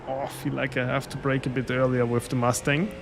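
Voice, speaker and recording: This Austrian man, a native German speaker with an Austrian German accent, streams sim racing and chats casually with his viewers, chuckling often. His mid-range voice shows little pitch movement and moves fairly quickly over a noisy background.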